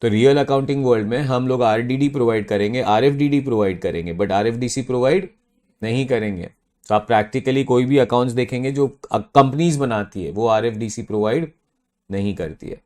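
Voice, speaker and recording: A man's voice: medium pitch, brisk, darkish tone. A man giving a classroom accounting lecture, stressing key terms and often checking that students follow. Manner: emphatic, mixing Hindi and English, checks understanding often.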